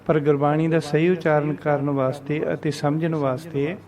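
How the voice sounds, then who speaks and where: A man's voice: on the high side, flat delivery, a crowd in the background. Man patiently teaching scripture pronunciation. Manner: slow, deliberate recitation of verses with repeated corrections. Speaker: Gurbani teacher.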